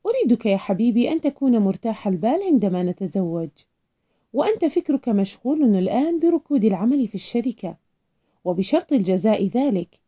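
A woman voicing a young fiancée who soothes her partner in a gentle, coaxing way. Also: on the high side, very animated, fairly quick. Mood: soothing. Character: sweet-talking young fiancée, soothing and calculating.

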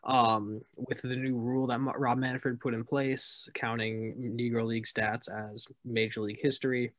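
A young man co-hosting a sports podcast, blunt and quick to swear and joke. His voice sits at a middle pitch. The recording is dry and close. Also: flat delivery, fairly bright tone, no echo. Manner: joking, profane, blunt. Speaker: podcast co-host. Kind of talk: casual sports podcast chat.

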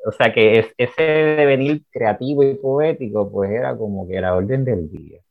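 A Puerto Rican man, a writer and poet, talking reflectively in an interview, pausing often to search for his words. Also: mid-range voice, gravelly, no room sound, phone-quality sound. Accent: Puerto Rican Spanish. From Puerto Rico. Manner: thoughtful, searching, many fillers like "pues" and "¿verdad?".

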